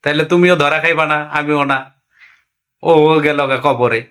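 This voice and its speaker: An actor playing a scheming young lover, talking in a coaxing, conspiratorial way with a Bangladeshi accent. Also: male voice, on the high side, moderate pace, bright, forceful tone. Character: scheming young male lover plotting murder. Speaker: wife's lover. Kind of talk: amateur drama acting.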